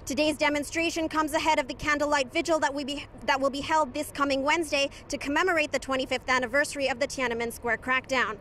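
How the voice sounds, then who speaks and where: Outdoors at a protest on a busy street, a woman reporter presents a scripted on-the-scene news report over clear street noise. She speaks quickly with few pauses, her high-pitched voice fairly bright and her intonation fairly even.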